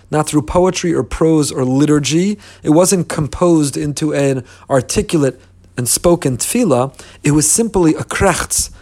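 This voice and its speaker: A man's voice: fairly high pitch, darkish tone. Earnest man teaching a Torah lesson. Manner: earnest explanatory, rhetorical questions, Hebrew terms. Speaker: rabbi teaching prayer.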